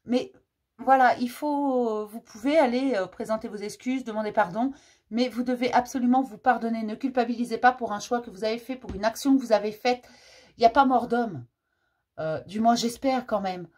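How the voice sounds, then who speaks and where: A woman's voice: on the high side, normal speed, a little mellow. A woman giving a casual spoken card reading as host, talking directly to listeners in an informal, reassuring way.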